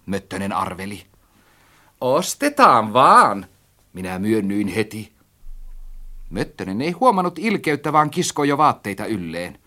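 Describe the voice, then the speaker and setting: Lowish male storyteller, lively swinging intonation, acts out his lines. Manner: expressive reading, acts out his own quoted lines. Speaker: narrator. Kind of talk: audiobook story narration.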